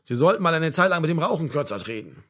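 A man voicing a blunt, mocking old male doctor with a gruff, brusque manner. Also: a little high, very animated, fast talker, fairly bright tone. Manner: gruff, brusque, with a bleating laugh.

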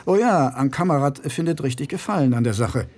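A man voicing a smooth, quick-witted young con man who talks in an innocent-sounding way. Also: medium pitch, expressive, darkish tone, voice pushed up, close to an everyday voice. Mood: wry.

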